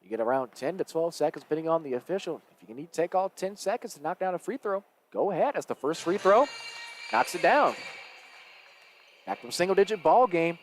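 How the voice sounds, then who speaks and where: A man with a high, bright voice calls a high school basketball game play by play, his delivery climbing with each drive and shot. A faint gym murmur sits under his words. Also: slight background noise. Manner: rapid and energetic, rising with the action. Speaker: play-by-play announcer. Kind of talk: live basketball play-by-play commentary.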